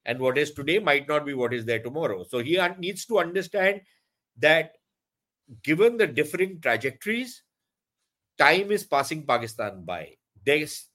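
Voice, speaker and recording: A man's voice: a little high, fairly bright tone. A man from India with a North Indian accent giving opinionated analysis in an interview, speaking emphatically and slipping between languages mid-sentence. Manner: emphatic, code-switches into Hindi and Punjabi mid-sentence. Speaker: foreign policy commentator.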